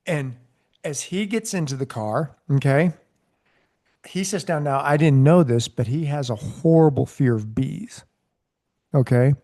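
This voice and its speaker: A man, a former police sergeant, co-hosting a casual chat and telling a story with laughter and loud quoted shouts. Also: fairly high pitch, unhurried.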